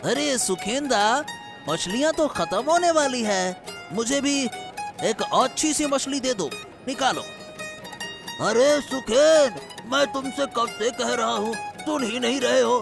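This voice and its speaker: A man's voice: very high voice, animated, takes it slowly, vocal fry, music in the background, full character voice. A man voicing a pushy, impatient village customer in a cartoon, insistent and demanding. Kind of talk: animated cartoon dialogue.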